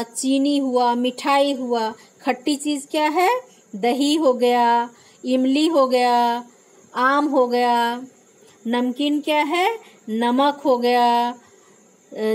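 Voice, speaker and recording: Woman, primary teacher, high-pitched and unhurried; patient explainer for young kids. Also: poor audio. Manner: patient, explaining, asks questions then answers them; frequent "isn't it" check-ins. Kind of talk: textbook lesson for young children.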